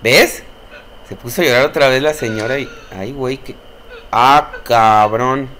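Jumping at scares and talking back to the characters, a young man with a Mexican Spanish accent swears his way through a horror game on stream. His mid-range voice is pushed and bright and runs a little fast, with slight background noise.

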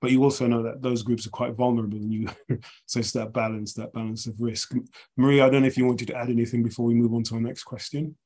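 A middle-aged man chairing a panel Q&A on a video call, brisk and conversational. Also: medium pitch, level tone, dark tone. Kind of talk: moderating a panel Q&A. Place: small room indoors.

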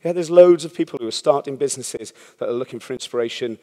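A man's voice: mid-range voice, quick pace, a little mellow. A man, a startup founder, giving a candid, rambling talk at a conference, often checking in with the audience. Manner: rambling, frank, swears casually, asks audience "yeah?". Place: conference hall. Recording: long hall reverb.

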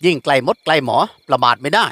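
A man's voice: fairly high pitch, fast talker, bright, forceful tone, no room sound. A man voicing an older village headman, folksy and chatty, hospitable but shrewd.

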